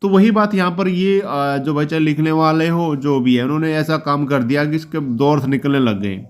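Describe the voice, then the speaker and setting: A man hosting his own channel, talking through a job policy in an informal, reassuring way and often closing a point with a quick check-in. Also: a little high, smooth. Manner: explanatory, reassuring, often ends points with "ठीक है". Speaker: YouTube channel host explaining job policy. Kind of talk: informal explainer talk.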